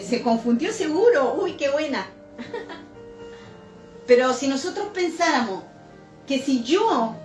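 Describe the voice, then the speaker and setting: A woman's voice: high-pitched, far from the mic. A woman preacher giving a sermon, telling a story earnestly and asking the congregation rhetorical questions. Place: church. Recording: echoey church room with faint music.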